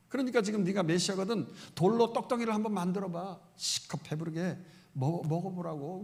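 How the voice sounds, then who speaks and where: A preacher voicing a smug, tempting devil who coaxes and mocks. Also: male voice, sits high, voice pushed up. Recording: reverberant church hall.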